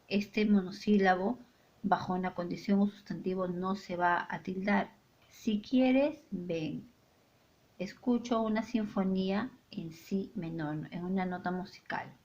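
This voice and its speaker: A woman teacher explains a grammar lesson at an unhurried pace. She sets out each rule clearly and gives weight to her example sentences. The sound is a little dull and lo-fi. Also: medium pitch, a little mellow. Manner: slow, clear, deliberate delivery with stressed example sentences.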